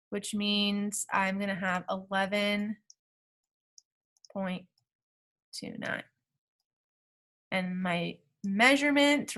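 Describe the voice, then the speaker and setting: Unhurried woman teaching a math lesson. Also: medium pitch, fairly bright tone. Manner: talks through steps aloud, checking in with okay. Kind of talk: screen-recorded math lesson.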